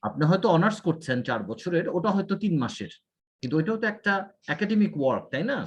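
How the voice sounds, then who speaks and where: A man's voice: a little high, big pitch swings, quick pace, slightly rough. A man, an IELTS tutor going through a student's mistakes point by point. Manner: corrective, explains mistakes point by point. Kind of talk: one-on-one feedback lesson.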